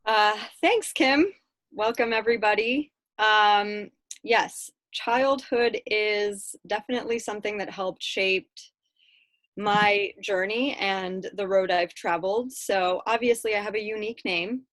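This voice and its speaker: A woman in her thirties from Chicago telling her life story in a relaxed, chatty way, with frequent ums and little laughs. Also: medium pitch, a little slow, dry recording. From Chicago, United States. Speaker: guest speaker. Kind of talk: casual personal storytelling.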